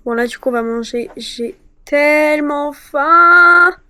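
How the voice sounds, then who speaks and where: A woman's voice: high voice, slow pace, bright, forceful tone. A woman of twenty chatting casually and rambling in a bubbly way as she films her own vlog. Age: 20s. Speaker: vlogger.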